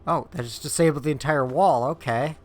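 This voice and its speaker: A man's voice: fairly high pitch, a little fast, darkish tone. A man giving casual, rambling gameplay commentary as a streamer, with offhand asides, close on the microphone. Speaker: game streamer. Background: game music.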